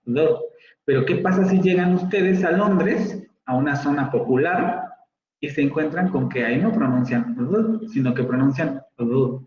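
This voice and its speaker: A man's voice: a little high, darkish tone. A man with a Mexican Spanish accent lecturing a university phonetics class, explaining points and repeating example words to model their pronunciation. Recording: roomy, slightly dull audio with faint ambience.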